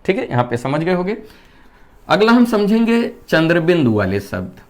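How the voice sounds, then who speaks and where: A male Hindi teacher giving a classroom-style lesson. He asks the class questions, answers them himself in a lower voice, and keeps checking that they understand. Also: sing-song, normal speed. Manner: keeps checking whether students have understood.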